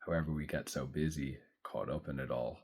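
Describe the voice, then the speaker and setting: A man in his thirties speaking slowly and thoughtfully in a reflective personal monologue. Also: very deep voice, fairly even intonation, slightly rough. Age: 30s. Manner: slow, thoughtful, soft-spoken. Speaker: vlogger.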